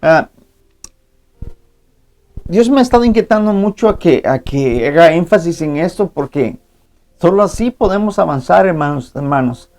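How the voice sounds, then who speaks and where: A man's voice: a little high, lively intonation, moderate pace, pauses often, a little mellow. Spanish-speaking male pastor preaching a sermon. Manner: preacherly, reads scripture aloud, addresses congregation as brothers; frequent interjected amén and ¿verdad?. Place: church.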